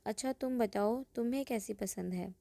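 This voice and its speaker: A shy, affectionate young woman speaks gently in a storybook tale, as a woman narrator puts her on. The voice is slightly high and mellow, with a touch of gravelly fry. It is close and dry. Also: moderate pace, dry recording. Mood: casual.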